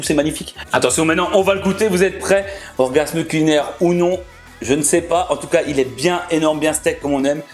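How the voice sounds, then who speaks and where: A young man hosting a home cooking vlog, talking in an excited, slangy, exclamatory way as he builds and tastes a burger. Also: on the high side. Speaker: cooking vlogger.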